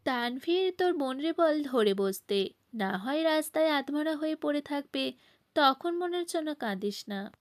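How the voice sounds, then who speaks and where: Woman reading hot-tempered young man, stern, commanding, storybook, high voice. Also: animated, measured pace.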